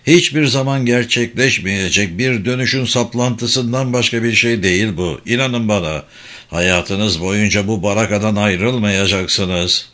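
A man's voice: on the low side, a little slow, fairly bright tone. A man voicing an angry, scornful young man in a read-aloud novel. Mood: bitter defiant. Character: bitter, defiant young man, mocking.

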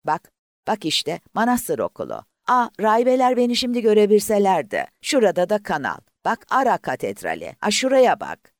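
A man voicing an excited young woman who shouts with joy on her first flight in an audiobook. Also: high-pitched, moderate pace, no echo, clean studio sound, pitched above the performer's own voice, heavily acted.

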